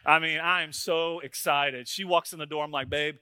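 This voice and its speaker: A man preaches in a bright, forceful, slightly high voice. He tells folksy stories and keeps checking in with his listeners. The sound is close and dry, with no room echo. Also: fairly even intonation, moderate pace, clean tone. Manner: folksy storytelling, tags lines with "right?" and "man". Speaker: pastor. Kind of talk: sermon.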